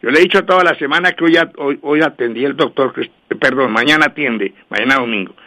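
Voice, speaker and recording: A man hosts a radio call-in program and reels off lottery numbers for each star sign. He talks in a brisk, repetitive patter, then slows right down so listeners can write each number down. His voice sits at a middling pitch for a man. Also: sharp tone. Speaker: radio host and numerologist. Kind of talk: radio call-in show, dictating lucky numbers.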